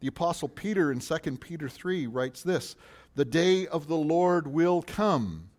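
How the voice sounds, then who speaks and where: A pastor preaching a sermon, asking questions in a rising voice and answering them more quietly. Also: male voice, on the high side, expressive, a little slow.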